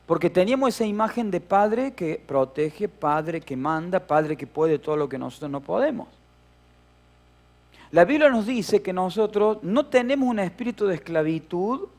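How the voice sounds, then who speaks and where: A man's voice: sits high, gravelly, a little mellow. A middle-aged man with a Rioplatense Spanish accent, preaching a sermon as pastor and telling a childhood story with playful humor and acted-out voices.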